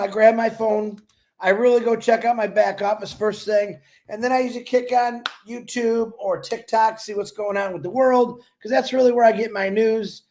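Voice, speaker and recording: High-voiced man giving a rambling motivational talk. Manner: rambling, animated, laughs often. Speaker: livestream host. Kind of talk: casual motivational livestream talk.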